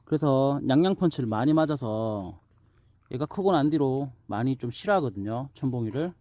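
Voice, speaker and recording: A man's voice: mid-range voice, expressive, moderate pace, mellow, dry recording. A man casually narrating a homemade pet video outdoors while he films, now and then chatting to the animal. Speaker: vlogger filming own dog. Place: outdoors in an apple orchard.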